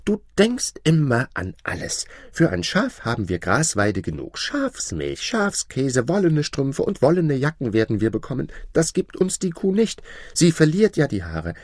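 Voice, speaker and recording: A man's voice: mid-range voice, huge pitch swings, moderate pace, few pauses, no room sound, clean studio sound, pitched above the performer's own voice. A man voicing a cheerful old farmer's wife who dotes on her husband, gushing and sing-song.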